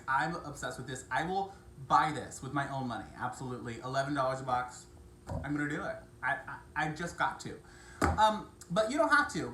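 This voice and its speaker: A woman's voice: low-pitched, a bit bright, reverberant, a little hiss or hum. A woman vlogger doing a casual food review to camera, chatty and enthusiastic, full of asides.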